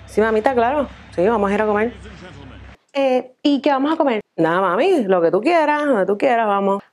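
A woman's voice: a little high, expressive, fairly quick, a little mellow, lightly acted. A woman voicing a patient young boyfriend, meek and placating. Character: patient, baffled young boyfriend, soft-spoken.

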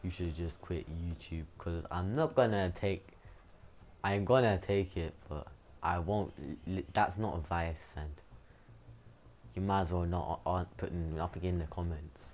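A man with a low voice commentates casually over a video game. He rambles, swears and gets excitable. The recording is a little noisy, with game sound behind him. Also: unhurried. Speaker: gaming YouTuber.

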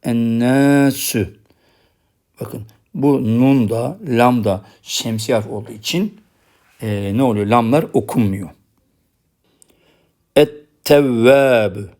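Male teacher with a Turkish accent. Recorded lesson, slow drilled pronunciation, quick explanations. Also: medium pitch, creaky, darkish tone. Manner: pronounces each example word slowly twice, then explains quickly. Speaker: Arabic writing teacher.

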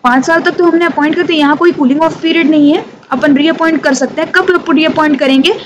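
A woman with an Indian accent and a high, fairly evenly intoned voice talks fast as she runs an informal company law exam revision lesson. She chats conversationally with her students, addressing them directly and mixing Hindi and English. Background noise is clearly audible.

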